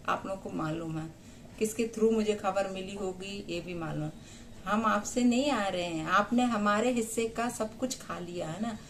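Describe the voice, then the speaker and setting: A woman's voice: medium pitch, a little hiss or hum. A woman in her thirties from India, talking straight to her viewers in an indignant, emphatic monologue full of rhetorical tag questions. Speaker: vlogger. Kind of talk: personal vlog monologue.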